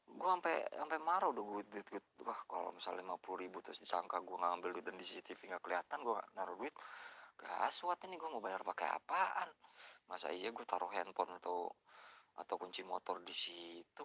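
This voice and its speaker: A young man with a gravelly, bright and fairly low voice recounts a personal misadventure in casual Jakarta slang. He plays every character in the scene himself and gets worked up and indignant as he tells it. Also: no room sound. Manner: animated, acts out dialogue with rising indignation. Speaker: vlogger telling a personal story. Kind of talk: casual storytelling chat.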